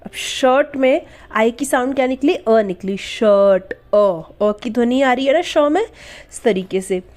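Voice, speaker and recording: A woman's voice: high voice, expressive, unhurried, a little mellow. A woman teaching English letter sounds in a lesson, spelling words out letter by letter and asking questions that she answers herself. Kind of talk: phonics lesson.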